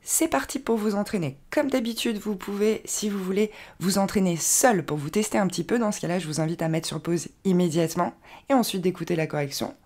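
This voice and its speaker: A woman teaching an English pronunciation lesson in French, explaining patiently and slowing down to demonstrate words carefully. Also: medium pitch, darkish tone.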